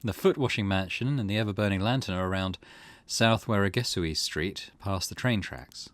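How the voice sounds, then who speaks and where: With a voice on the low side and a moderate pace, this gaming channel host narrates his let's play casually, voicing his thoughts and reading game text aloud. The recording is dry, with game music in the background.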